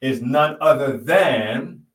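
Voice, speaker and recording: A man hosting an interview podcast, an affirming, unhurried interviewer. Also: medium pitch, animated. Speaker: podcast host. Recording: roomy echo from a distant mic.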